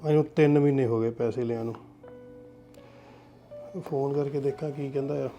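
A man's voice: mid-range voice, fairly even intonation, normal speed, warm tone, lo-fi sound, faint music behind, lightly acted. A man acting a shopkeeper who grumbles to himself about unpaid loans. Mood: grumbling. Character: grumbling shopkeeper owed money. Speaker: shopkeeper lending money. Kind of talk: web-series family drama acting.

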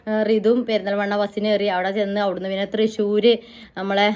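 A middle-aged woman talks quickly and casually straight to her viewers. Her storytelling rambles from one detail to the next, and she keeps checking in with her audience as she goes. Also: medium pitch, level tone, darkish tone. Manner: chatty, rambling, often ends with "kettō". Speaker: family vlogger.

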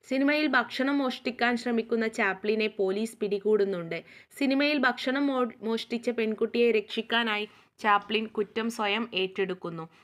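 A woman's voice: a little high, a bit bright. A woman teacher reading a school lesson aloud, going steadily through a play script and study notes with a few small slips.

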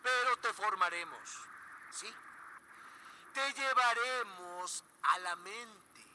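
An actor playing a fervent, menacing cult preacher in a video game, coaxing in an incantatory way that swings from hushed to insistent. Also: male voice, high-pitched, slow pace, full character voice, low-quality recording. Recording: clear background ambience noise.

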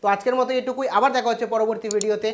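A host giving an exam news update to students, talking quickly with frequent "ah" fillers and English loanwords. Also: medium pitch, steady tone, a little hiss or hum. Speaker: education news channel host.

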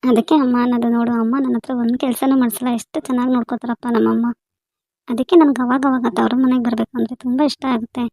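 A woman's voice: on the high side, flat delivery, rapid-fire, vocal fry, dark tone, no echo. A woman playing a married daughter visiting her parents in a family skit, speaking politely. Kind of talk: amateur village family skit.

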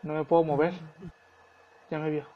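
Let's play host, male, high voice, jumpy and profane when scared. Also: little pitch movement, moderate pace, narrow, tinny audio, slight background noise. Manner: swears and yelps when startled. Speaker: gameplay commentator. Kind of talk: let's play commentary, reading game text aloud.

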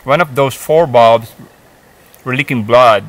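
Seated on a rock in a forest, a hiking vlogger in his fifties talks casually to the camera in an unhurried, mid-range voice. He's hesitant, full of fillers and restarts, and the dry recording has poor audio quality.

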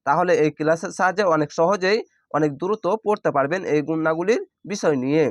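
A man teaching Quran reading, spelling out each syllable and then drawing the word out slowly. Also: a little high, dry recording, studio quality. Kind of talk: step-by-step spelling lesson.

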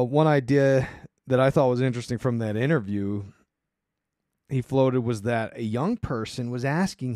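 A man's voice: medium pitch, darkish tone, no room sound. Guy rambling on his podcast, sarcastic asides, dead dry sound, no room at all. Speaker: podcast host. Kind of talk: casual solo commentary.

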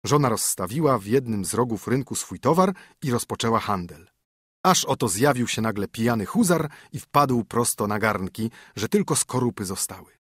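A man narrating a fairy tale audiobook in a measured storytelling manner, close to a studio microphone. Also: medium pitch, animated, breathy edge, no echo.

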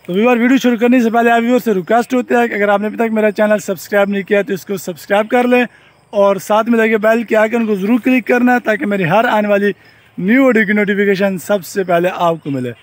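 This young man from Pakistan speaks Urdu with a Saraiki-region accent as he eagerly tours a farm and building site for his vlog outdoors, phone camera held at arm's length. He talks fast in a high-sitting voice with fairly even intonation, often saying things like "look at this." There's no echo.

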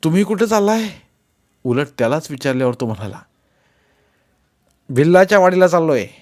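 A man narrating a novel as an audiobook, giving the characters' dialogue raised, forceful delivery. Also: expressive, brisk. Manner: voices characters with rising pitch and force in dialogue. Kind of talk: dramatic audiobook reading.

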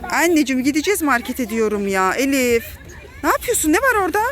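A woman with a Turkish accent narrates a family pretend-play vlog as a mother talking to her kids. Her voice sits very high, and she fills it with excited, dramatic warnings. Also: fast, a faint crowd. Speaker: mother filming her children.

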